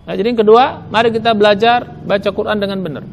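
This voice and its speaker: A man's voice: high voice, fast, a little hiss or hum. A man preaching a Ramadan sermon in a mosque, emphatic, spelling out Arabic letters and sounds, asking questions and answering them himself. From Indonesia. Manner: asks and answers his own questions.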